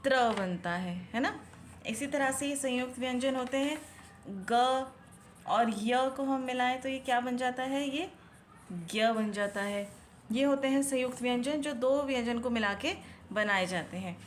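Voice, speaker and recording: A woman's voice: high-pitched, slight background noise. A woman tutor teaching children a Hindi worksheet, drawing out syllables as she sounds out words, asking questions and mixing English words into her Hindi. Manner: slow, drawn-out syllables when sounding out words, questions to the viewer.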